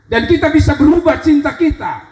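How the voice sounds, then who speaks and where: A male pastor with a Kupang accent, preaching an animated sermon and acting out scripture scenes. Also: very high voice, fairly quick, reverberant, low-quality recording. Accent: Kupang Indonesian. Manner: animated preaching that dramatizes scripture in acted-out voices. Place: church sanctuary.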